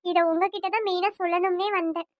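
A woman's voice: extremely high pitch, steady tone, fast talker, no room sound, clean studio sound. A woman voicing a worried village woman in a cartoon who breaks bad news to a family, speaking in a pleading, apologetic way. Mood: earnest. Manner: pleading, apologetic, repeats 'akka'. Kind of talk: cartoon voice acting.

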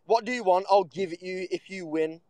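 A man's voice: sits high, a little fast, dark tone, dry recording. A young man with a British accent, a boxer trash-talking his rival in a cocky, dismissive, slangy way. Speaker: boxer at a face-off. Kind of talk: trash talk at a press face-off.

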